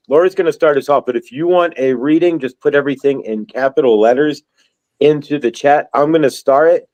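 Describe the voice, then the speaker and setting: A man's voice: medium pitch, darkish tone, no room sound. A man hosting a casual live stream, sounding dazed and loopy with a mouth numb from dental work. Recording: dull, lo-fi sound.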